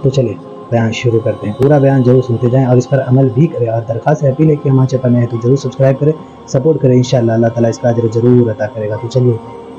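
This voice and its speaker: A man's voice: mid-range voice, fairly even intonation, mellow. A man giving a polite, formal introduction to a sermon for his channel. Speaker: channel presenter. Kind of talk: scripted introduction. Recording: dull lo-fi sound with faint music.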